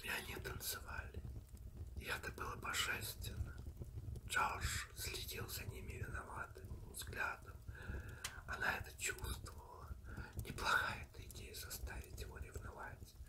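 Casting: ASMR audiobook reader, soothing gentle whisper throughout, breathy and unvoiced, recorded a little away from the mic. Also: recorded from a distance. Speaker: audiobook reader and channel host. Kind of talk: soft whispered ASMR storytelling, reading a story aloud.

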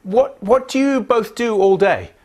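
Husky-voiced male TV news presenter. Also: high voice, lively intonation, darkish tone. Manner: brisk, polite questioning. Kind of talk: live TV news interview. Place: TV news studio.

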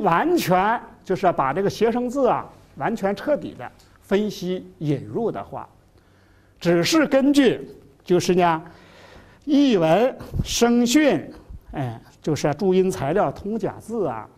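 This middle-aged university lecturer has a mid-range, slightly mellow voice. Teaching a class, he fills his speech with fillers, repeats key phrases and draws out terms to stress them.

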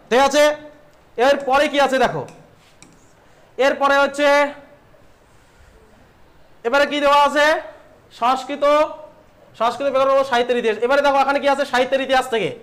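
A man's voice: very high voice, fairly bright tone. A young man from West Bengal teaching an online lesson to students. He asks questions and answers them himself, again and again. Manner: asks and answers his own questions, repeats "thik ache". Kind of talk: online exam-prep lesson.

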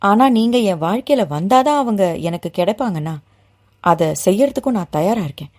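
A calm grown man who never rushes a word, as a woman storyteller puts him on. His speech is steady and measured, with a pitch that moves freely and a middle-height tone. A patient, unruffled adult in an audio novel. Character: calm, composed grown man asking to be guardian.

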